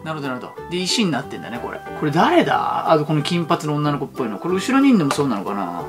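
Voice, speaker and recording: An excitable man hosts his fan channel, pouring out reaction commentary at a breakneck pace. His voice swings widely up and down as he gets carried away. Music plays clearly under his talk. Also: a little high. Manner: excitable, rapid-fire talking. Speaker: YouTube fan channel host.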